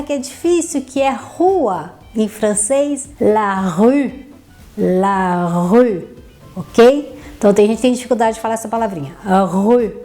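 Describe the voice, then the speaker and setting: A woman teaching an online French lesson, upbeat, repeating each word slowly and clearly. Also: mid-range voice, warm tone.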